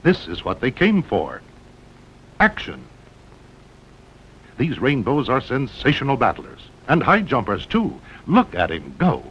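An American man's pitch swings hugely as he narrates a 1960s promotional documentary film, unhurried and leaving long pauses. He speaks dramatically in punchy short phrases over a muffled old soundtrack with rumbling noise.

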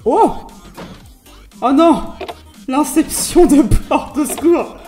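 A woman YouTuber giving casual, excitable reaction commentary, swearing and laughing often. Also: sits high, slow pace, roomy sound, soft background music. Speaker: YouTuber host.

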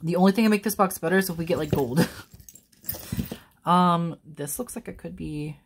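Young woman reseller vlogging, kinda low voice, gets super excited and giggly. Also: normal speed, a little hiss or hum. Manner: excitable, gushing, laughs often, says y'all. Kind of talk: casual unboxing vlog.

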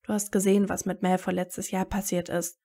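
A woman's voice: fairly low pitch, little pitch movement, brisk, vocal fry, warm tone. A woman voicing a determined teenage wizard hero with a blunt, sarcastic way of talking in a fan audiobook. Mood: blunt, tense.

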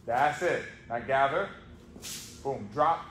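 A man's voice: mid-range voice, takes it slowly, a bit bright. A man coaching judo in a large gym, calling short commands and repeating cues. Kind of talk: hands-on coaching. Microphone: camera on the floor. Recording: echoey gym with background noise.

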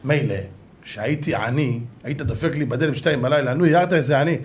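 A haughty newly rich man, acted by a man telling a joke scolds with indignant superiority. He drops his voice low and quiet, sneering rather than shouting. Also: lightly acted. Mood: haughty scolding.

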